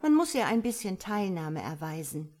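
A woman voicing a gentle, sensible mother starling who speaks with sympathy. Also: medium pitch, very animated, moderate pace. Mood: caring. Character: kind motherly female starling.

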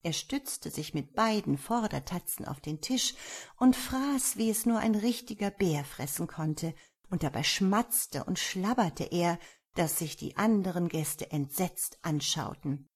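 Husky-voiced woman reading a fairy tale. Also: fairly low pitch, a little slow. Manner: lively, expressive narration. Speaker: storyteller. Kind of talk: storybook reading.

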